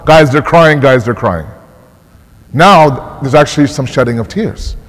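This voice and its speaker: In a mosque hall with a long reverb, an American man preaches an impassioned sermon, his mid-range voice fairly bright and his pace measured. He often repeats and restarts phrases as he builds toward a point.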